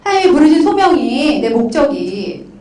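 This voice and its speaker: Middle-aged woman counselor, high voice, animated storyteller, distant mic in a roomy hall. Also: normal speed. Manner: animated storytelling with acted quotes. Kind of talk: conference talk. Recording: echoey hall from far off.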